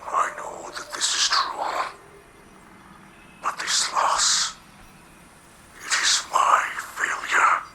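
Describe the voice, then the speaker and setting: A man voicing a weary, guilt-ridden alien leader in a video game, halting and formal, with a breathy, gravelly voice. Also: bright, forceful tone, in a whisper, exaggerated voice, poor audio. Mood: mournful, guilty. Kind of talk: dramatic video game acting.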